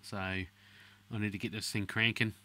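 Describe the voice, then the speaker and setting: Aussie or kiwi sounding guy hosting a podcast, really bright punchy voice, sweary casual chat. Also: fairly low pitch, flat delivery, moderate pace. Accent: Australasian. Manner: blokey, heavy swearing. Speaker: podcast host. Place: indoors, on a video call.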